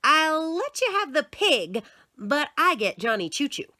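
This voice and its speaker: A woman's voice: high voice, sing-song, unhurried, pushed and bright, no room sound, clean studio sound, voice pushed up, exaggerated voice. A woman voicing a theatrical young boy who pleads and bargains to keep his toys, reading a storybook aloud. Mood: bargaining.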